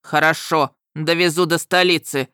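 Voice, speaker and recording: A woman's voice: low voice, fairly even intonation, moderate pace, sharp tone, clean tone, no echo, studio quality. A woman voicing a huge, impatient male dragon who growls curt commands. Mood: gruff.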